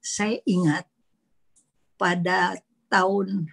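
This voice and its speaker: Slow, husky middle-aged woman preaching. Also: lowish voice, little pitch movement, fairly bright tone. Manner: dramatic storytelling, whispers and acts out quoted lines. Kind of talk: sermon at an online prayer meeting.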